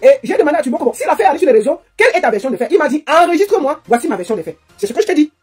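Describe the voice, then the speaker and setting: Quick, lively woman interviewer. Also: high-pitched. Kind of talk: probing interview questions.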